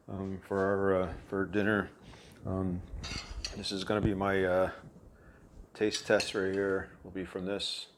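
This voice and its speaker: A man hosting a casual home cooking vlog, talking in a halting way with many fillers and restarts. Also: lowish voice. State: talking with his mouth full. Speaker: cooking channel host.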